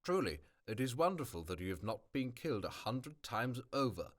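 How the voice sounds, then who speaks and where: A man reading aloud as a brisk, cheerful older male professor, stumbling over words now and then. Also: mid-range voice, big pitch swings, close to an everyday voice. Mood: cheery. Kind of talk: amateur audiobook reading.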